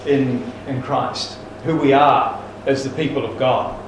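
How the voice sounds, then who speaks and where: A man's voice: mid-range voice, fairly even intonation, a little slow, a little hiss or hum. Folksy man preaching in an echoey hall. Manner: folksy joke-telling with restarts, emphatic. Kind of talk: sermon with jokes. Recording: echoey church hall from far off.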